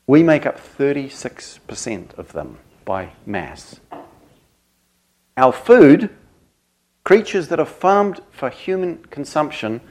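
A man speaking as a Dharma teacher to a group, earnest and reflective, in short halting phrases with thoughtful pauses. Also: mid-range voice. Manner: grave, earnest. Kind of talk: reflective spoken talk to a group.

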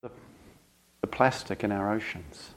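A man speaking as a Dharma teacher to a group, earnest and reflective, in short halting phrases with thoughtful pauses. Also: on the low side, animated, low-quality recording. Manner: grave, earnest. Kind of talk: reflective spoken talk to a group.

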